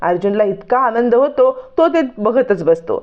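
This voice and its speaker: A woman with a fairly high voice runs through a serial episode as a casual recap, slipping in the characters' lines as she goes. The recording sounds dull and lo-fi. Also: expressive. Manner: retells scenes quickly, voicing each character's lines.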